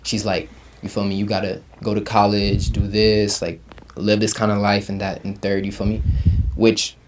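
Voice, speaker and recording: Against a noisy background, a Ugandan rapper in his twenties speaks at a moderate pace in a voice on the low side. As a casual interview guest he's relaxed and slangy, saying "you feel me" often.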